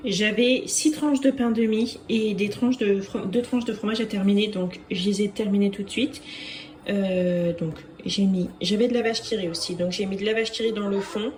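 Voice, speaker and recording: A woman's voice: medium pitch, steady tone, moderate pace, a little mellow, slight background noise. A French woman chatting casually as she cooks for her family, speaking hesitantly with frequent fillers. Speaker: home cooking vlogger. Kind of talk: casual cooking vlog voice-over.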